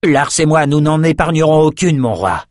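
A grim, ruthless warrior captain vows bloodshed in a fierce, raised voice, as a man reading an audiobook puts him on. His pitch sits above the reader's own and swings widely. The sound is dry and close. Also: expressive, moderate pace, a little mellow, no room sound, close to an everyday voice.

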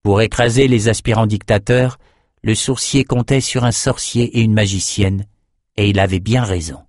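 A man reading a fantasy novel aloud as the audiobook narrator, in an even and measured way. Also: fairly low pitch, no echo, studio quality.

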